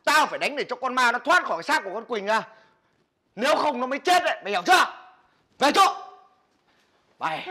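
A man acting in a comedy sketch, talking in a brash, shouty comic way. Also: extremely high pitch, big pitch swings, a little fast, pauses often, no room sound, clean studio sound.

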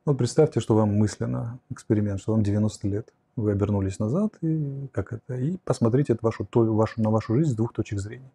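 Talking fast with few pauses, a man in his forties answers viewer questions about philosophy on a livestream, reflective as he explains things on a whiteboard. His fairly low voice is mellow and slightly rough. The lapel-mic recording comes from a curtained studio, in a philosophy and psychology lecture.

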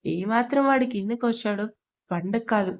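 A woman's voice: fairly high pitch, moderate pace, natural voice. A woman voicing a blunt alarmed young man.

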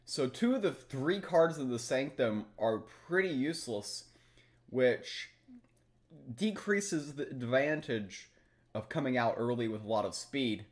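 With lively intonation and a measured pace, a young man at medium pitch narrates his card game live. He streams indoors from a small room at home, analyzing each move aloud.

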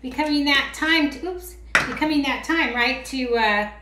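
A woman's voice: high-pitched, moderate pace, background noise. A woman vlogger chatting casually while making a craft, rambling and teasing herself as she goes. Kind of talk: casual how-to chat. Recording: roomy echo with faint clicks.

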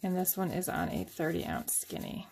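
A woman's voice: fairly low pitch, very animated, normal speed, darkish tone, a little hiss or hum. A woman in her thirties hosting a casual, rambling craft tutorial at home, often joking about herself. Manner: chatty, rambling and self-deprecating. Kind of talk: casual step-by-step craft demonstration.

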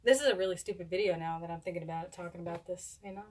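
A woman's voice: lowish voice, rapid-fire, husky. A young adult woman chatting casually to camera in a rambling, stumbling way, talking with a lip full of dip. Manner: rambling, stumbles over words. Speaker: video blogger doing a product review. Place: indoors, small home room. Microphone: camera at a short distance.

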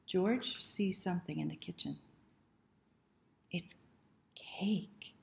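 Reading a picture book aloud to children, a middle-aged woman working as a library storyteller keeps posing questions and encouraging them to participate. She speaks slowly in a lowish, creaky voice, in a small indoor room whose recording is roomy with faint background noise.

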